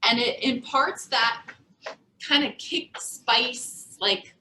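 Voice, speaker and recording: A woman nutrition coach in a casual cooking demo, chatty and quick to laugh, with lots of "like" in her talk. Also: on the high side, pushed and bright, slight background noise. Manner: chatty, laughs often, says "like" a lot. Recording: echoey room.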